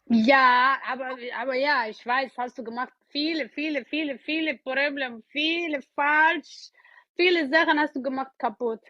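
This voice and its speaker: A woman from Ethiopia on a video call, speaking halting broken German and repeating words. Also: sits high, sharp tone. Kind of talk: casual video-call chat. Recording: dull lo-fi video-call audio.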